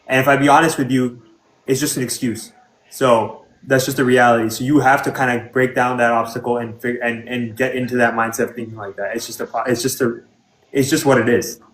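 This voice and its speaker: Fast-talking host in an echoey room. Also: male voice, medium pitch, steady tone, a little hiss or hum. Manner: direct, coaching advice. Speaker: livestream host. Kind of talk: casual livestream chat.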